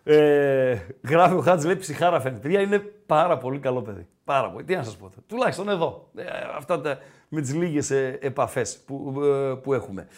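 A man hosting a podcast, talking sport in a casual, joking, animated way. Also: mid-range voice. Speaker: podcast host.

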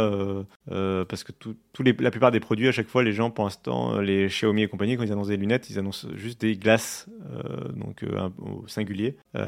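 A man's voice: on the low side, vocal fry. A young man in casual live-stream chat about tech, hesitant, with many fillers and restarts. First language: French.

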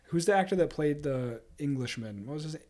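Rambling higher-voiced podcast co-host. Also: male voice, animated, brisk, darkish tone. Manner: rambling, lots of "like", quotes himself in little voices. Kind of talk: casual chat.

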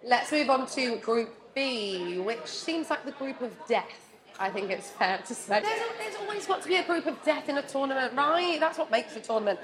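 A woman's voice: sits high, animated, normal speed, crowd noise. A woman hosting a sports podcast in casual chat, leading the talk with light laughter. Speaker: podcast host.

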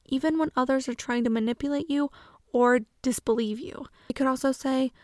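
A woman giving self-help advice in a calm, earnest, measured monologue. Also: high voice, no room sound, studio quality.

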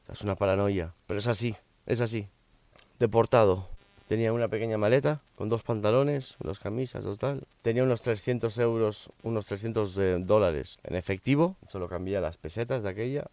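Middle-aged male podcast host, Spanish with a light American accent, English-first speaker; low voice, dry close sound, frank confessional storytelling. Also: brisk, a little mellow, dry recording. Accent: slightly off Spanish, American-influenced. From Spain, raised in Miami. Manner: frank, conversational, with emphatic repetitions. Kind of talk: personal storytelling monologue.

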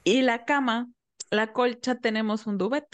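A young woman, co-hosting a podcast and chatting casually with quick reactions. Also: on the high side, steady tone, no echo. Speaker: podcast co-host. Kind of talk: casual chat.

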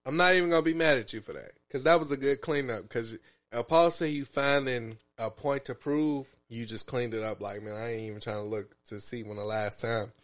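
A man's voice: medium pitch, a little fast, fairly bright tone. A man in his thirties co-hosting a podcast, joking and teasing in slangy casual banter. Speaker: podcast co-host.

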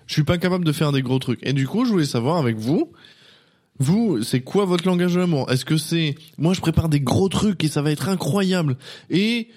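A man's voice: a little high, lively intonation, normal speed, darkish tone. A man co-hosting a casual late-night podcast, making crude jokes between his questions. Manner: crude joking. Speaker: podcast co-host. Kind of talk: casual chat. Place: room at home around a table. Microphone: table mic.

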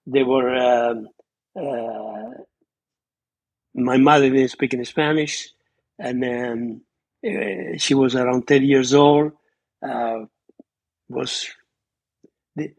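This Italian retired surgeon in his eighties is a podcast guest earnestly telling his life story in an Italian accent. His medium-pitched voice is animated yet extremely slow, with vocal fry, a breathy edge and long pauses, and he often restarts while searching for words. The reminiscing interview is a low-quality recording.

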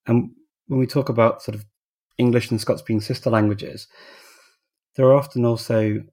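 Guy interviewing, calm and curious, gravelly warm voice. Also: fairly low pitch. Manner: calm, inquisitive. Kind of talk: interview questions.

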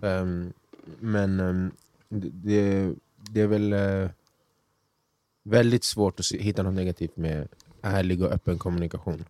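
A man's voice: deep voice, fairly even intonation, warm tone, no echo. A young man co-hosting a podcast, chatting casually and backing up his friend with short agreeing murmurs. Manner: attentive listener, many short agreeing murmurs. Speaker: podcast co-host. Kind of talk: casual chat.

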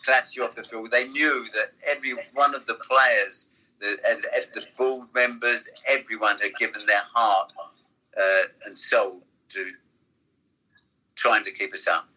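Man, bright tense voice, former football insider reminiscing, halting story-telling. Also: mid-range voice, fairly even intonation, poor audio. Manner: rambling, halting storyteller with restarts. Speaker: former football club figure, guest. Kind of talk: casual reminiscing chat.

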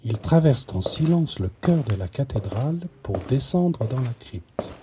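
A man reading a children's story aloud in an expressive storybook narration. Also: mid-range voice, normal speed, background noise.

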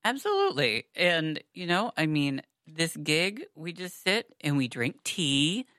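A woman's voice: low-pitched, very animated, unhurried, fairly bright tone, no echo, clean studio sound. A woman hosting a podcast in casual, supportive and reassuring conversation. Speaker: podcast host.

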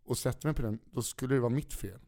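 A man's voice: medium pitch, dark tone. Joking man telling absurd crude stories. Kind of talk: casual chat.

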